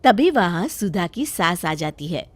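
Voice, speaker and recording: A woman narrating a children's cartoon story calmly. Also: lowish voice, a little slow, dry recording.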